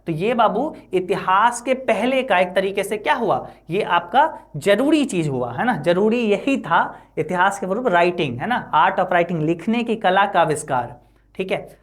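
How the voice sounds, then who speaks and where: A woman teacher explaining an English textbook chapter line by line, reading each English line slowly and then explaining it in a chatty way, with constant checks like "right?" and "okay". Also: mid-range voice, lively intonation. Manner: constant "है ना" and "ठीक है" tag checks; chatty, addresses students directly.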